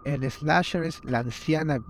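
A man in a casual film chat, animated and jokey, acting out little quotes. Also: a little high, a little slow, a little hiss or hum.

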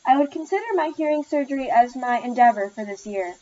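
An eager, possessive deaf teenage girl, voiced by a woman reading a story. Her voice sits a little high and is read plainly. The recording is dull and lo-fi, with a faint hiss. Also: lively intonation, quick pace, dark tone, natural voice. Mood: earnest.

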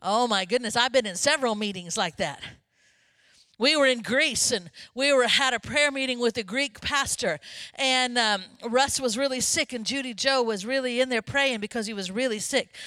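A woman pastor preaching a sermon in a lively, conversational way, often turning to ask the congregation questions. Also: on the high side, no room sound.

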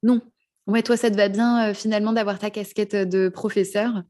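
A woman's voice: mid-range voice, fairly even intonation, normal speed, a little mellow. A woman who is a speech therapist hosts a podcast interview, asking questions and answering with short, friendly affirmations.

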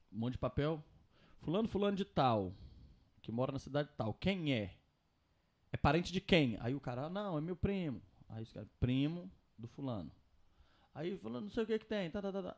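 A young Brazilian man, telling his story casually on a podcast in a slangy, animated way. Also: medium pitch.

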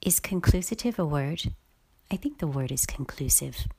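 A woman podcast host talking intimately and unscripted, musing and effusive, with a breathy voice that often drops to a near-whisper. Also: low-pitched, expressive, normal speed, a little mellow, poor audio.

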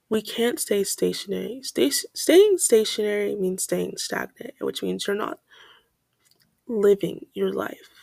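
Young woman, home podcast host: scattered rambling, laughing often, stuffy nose, slight vocal fry, dry close mic. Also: medium pitch, a little mellow, dry recording. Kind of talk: casual rambling monologue. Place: bedroom.

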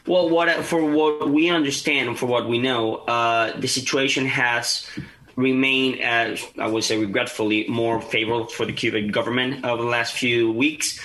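Young guy from venezuela, bright voice, lots of uh and restarts. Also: medium pitch, fairly even intonation, moderate pace, low-quality recording. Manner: earnest, many fillers and restarts. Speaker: guest. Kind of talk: podcast interview.

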